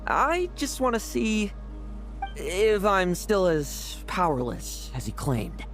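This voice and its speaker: A woman's voice: lowish voice, big pitch swings, takes it slowly, soft background music. A woman voicing a proud, defiant young knight in a video game, cocky and challenging. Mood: determined.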